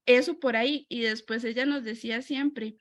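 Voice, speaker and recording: Costa rican woman, fairly high pitch, dry close sound, chatty with tag questions. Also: fairly even intonation, normal speed, no echo. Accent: Costa Rican Spanish. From Costa Rica. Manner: chatty, frequent tag questions, self-corrections. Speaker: church member sharing. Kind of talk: casual testimony in a Bible study group.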